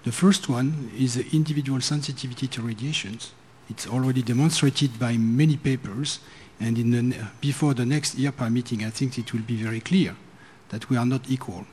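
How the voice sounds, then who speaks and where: A man making a measured, earnest comment from the floor at a conference. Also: medium pitch, steady tone, a little mellow, a little hiss or hum. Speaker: commissioner speaking from the floor. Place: conference hall.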